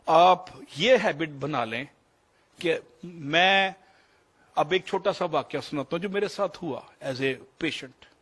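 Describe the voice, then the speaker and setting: A man's voice: a little high, fairly bright tone. A man in his fifties with a Pakistani Urdu accent, a doctor telling a personal story in a rambling, anecdotal way with English phrases mixed in. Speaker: doctor sharing experiences. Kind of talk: storytelling talk.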